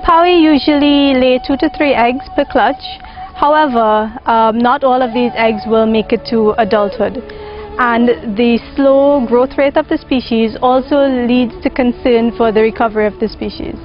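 A woman's voice: a little high, fairly even intonation, moderate pace. A young woman explaining as an expert in a nature documentary interview, recorded outdoors. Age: young adult. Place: outdoors among greenery. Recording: slightly dull sound, music underneath.

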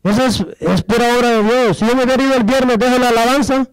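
With an extremely high pitch and fairly even intonation, a man speaks quickly and smoothly while giving a church testimony. He acts out each exchange in his story and asks the listeners rhetorical questions. The audio quality is poor.

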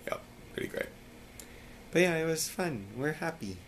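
A tired man chatting casually in a home vlog, rambling and sometimes dropping his voice very low. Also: lively intonation, normal speed, slight background noise. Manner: rambling, drops voice very low at times. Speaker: vlogger. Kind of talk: casual chat.

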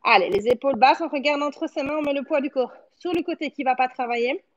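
High-pitched woman coaching a workout. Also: fast, highs cut off. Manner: short encouraging commands, cueing while exercising. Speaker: fitness coach. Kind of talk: instructing a home workout, counting repetitions. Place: living-room home studio, indoors.

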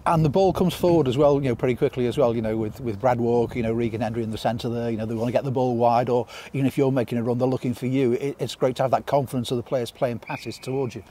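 A man asks post-match questions at a brisk clip, steering each one toward agreement. His voice is of medium pitch and mellow in tone. Faint open-air ambience sits beneath his voice. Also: fairly even intonation, a little hiss or hum. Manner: leading questions ending in tag questions. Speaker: club interviewer. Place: outdoors at a stadium at night. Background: faint outdoor ambience.

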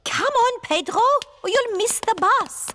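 Brisk female cartoon gazelle teacher, very high pitch, lively intonation, fussy instructing manner. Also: noisy background. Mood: hurried.

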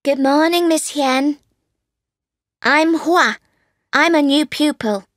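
A woman reading scripted textbook dialogue and chants slowly in a sing-song way. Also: sits high, fairly bright tone. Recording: music bed behind the voice.

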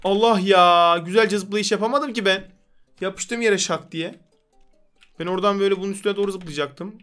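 A man's voice: sits high, fairly even intonation, moderate pace, a bit bright, clean tone, faint music behind. A young man giving rowdy, joking gameplay commentary, scolding the game characters in a put-on comic street manner. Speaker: gaming YouTuber.

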